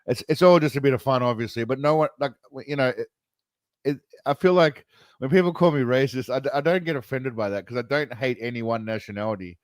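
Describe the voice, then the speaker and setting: A man's voice: mid-range voice, quick pace, no room sound. A man with an Australian accent hosting a casual livestream, reacting to a video in a laid-back, profane, rambling way. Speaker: host.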